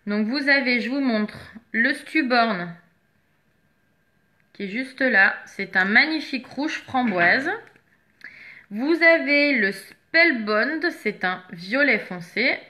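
A woman selling makeup speaks slowly and expressively with frequent pauses, her fairly high voice bright and forceful. She casually presents each product in turn and occasionally goes searching for one she's misplaced while still talking.

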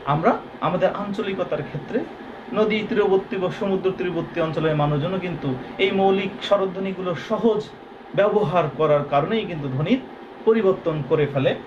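Man, teacher, high voice, patient explaining, stretched-out example sounds. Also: moderate pace, dull audio, background noise. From Bangladesh. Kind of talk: recorded classroom lesson.

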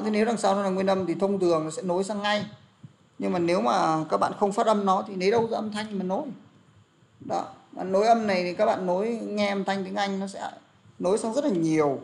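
High-voiced man teaching pronunciation. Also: vocal fry, darkish tone. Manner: repetitive, drills words aloud, many fillers like "đó". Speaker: English teacher. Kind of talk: classroom lesson explaining pronunciation. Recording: faint background noise and clicks.

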